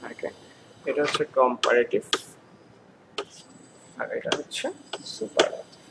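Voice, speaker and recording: A man from Bangladesh teaching an English grammar lesson in Bengali. He repeats words slowly and asks the class questions as he goes. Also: medium pitch, fairly even intonation, gravelly, noisy background.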